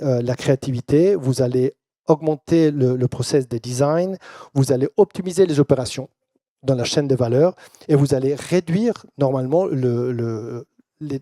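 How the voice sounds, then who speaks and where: A man's voice: mid-range voice, warm tone, no echo, studio quality. A man who is not a native French speaker, giving a business presentation in French with a foreign accent, dropping English business terms into loose non-native phrasing. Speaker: conference speaker.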